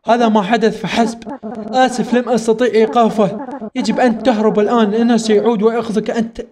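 A man reading a friendly talking doll companion's game lines in formal, plain delivery, high in pitch. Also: flat delivery, fast talker, crowd noise, lightly acted. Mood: earnest. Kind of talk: reading game dialogue aloud.

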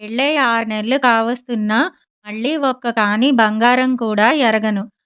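A woman voicing a shrewd, quarrelsome young wife who scolds without pausing, in audiobook storytelling. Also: fairly high pitch, fairly bright tone, clear, resonant tone. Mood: scolding. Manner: rapid nonstop scolding.

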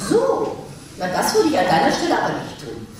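An actress playing an unflappable, sharp-tongued middle-aged wife in a live comic sketch reading on a theater stage, talking in a dry, mocking and bossy way. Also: female voice, a little high, huge pitch swings, fairly quick, crowd noise. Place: theater stage before an audience. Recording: echoey live theater recording from a distance.

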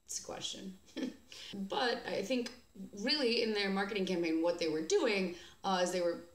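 A woman's voice: medium pitch, moderate pace, echoey room. An American woman hosting a beer vlog, chatting casually and sarcastically, with lots of fillers and restarts. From United States. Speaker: beer vlogger host.

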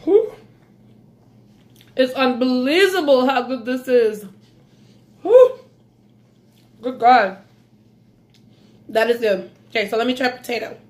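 A Belizean woman in her thirties, with a slight accent, films a mukbang eating vlog in a small room at home. Her voice is high and darkish, slow, with frequent pauses, and she chats casually while savoring her food with lots of mm's.

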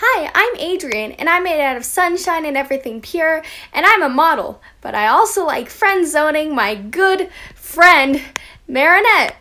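Woman doing a smug sunshine boy model bit, high, sharp bright voice. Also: expressive, moderate pace. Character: sunny, perfect boy model, parody. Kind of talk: comedy parody voice-over.

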